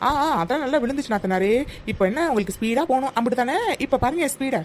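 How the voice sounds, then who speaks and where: A mischievous young wife, voiced by a woman in a cartoon, talking at a rapid clip. She teases and schemes with giggly glee. A faint hiss of noise sits behind her. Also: high voice, expressive. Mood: teasing. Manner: teasing, fast, giggly scheming. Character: Chinnaponnu, mischievous young sister-in-law driver. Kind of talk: cartoon voice acting.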